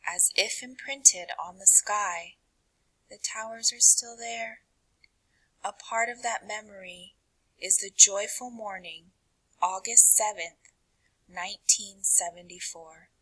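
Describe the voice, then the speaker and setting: Reading a picture book for children, a woman performs it dramatically, with deliberate pauses and hushed ends to her phrases. Her mid-range voice has a breathy edge, and the recording is rough.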